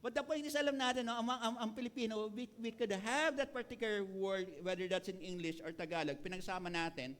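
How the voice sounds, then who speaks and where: Middle-aged Filipino pastor with a Filipino accent, high-pitched voice, code-switching sermon with light jokes to the church. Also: fairly even intonation, a little fast, hardly any pauses, fairly bright tone. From Philippines. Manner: mixes Tagalog and English, playful asides to the congregation.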